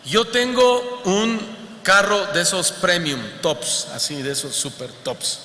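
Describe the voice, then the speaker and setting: Guy doing a smug show-off preacher, bragging and mocking, bright edgy voice, big echoey church. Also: high voice, very animated, slow, heavily acted. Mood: boastful. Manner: taunting, showing off his riches. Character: boastful male prosperity preacher, smug and mocking. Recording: reverberant church hall.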